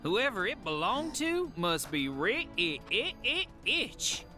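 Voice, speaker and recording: Lively, grumbling bank worker. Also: female voice, mid-range voice, slow pace. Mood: puzzled. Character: weary, gossipy bank worker. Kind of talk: video game character dialogue. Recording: music behind the voice.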